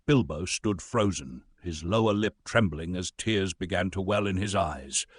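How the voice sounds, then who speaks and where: Male narrator, storybook reading, dramatic, husky voice, dry sound. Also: low voice, unhurried, no room sound.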